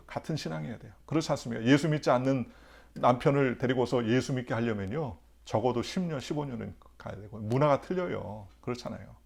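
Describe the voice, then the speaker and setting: A male pastor delivers a dawn sermon in a church, his voice gravelly with fry at a middle pitch. He moves between storytelling and emphatic rhetorical questions to the congregation. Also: darkish tone.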